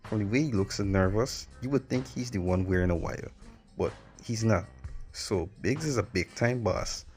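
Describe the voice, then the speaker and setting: A man's voice: lowish voice, normal speed, darkish tone, faint music behind. A man narrating a sarcastic movie review in a blunt, mocking, slangy way.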